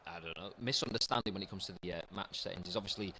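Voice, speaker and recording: A man doing color commentary for an esports football stream from a studio. His voice is low but has a bright, forceful edge. He talks through his analysis in a measured, halting way, over a faint hiss. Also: poor audio.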